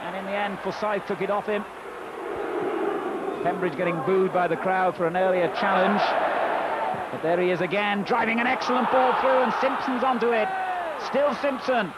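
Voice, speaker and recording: A man giving live football commentary, excitable, with his voice leaping up into shouts at big moments. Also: sits high, moderate pace, pauses often. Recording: loud stadium crowd roar and noise. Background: noisy football crowd.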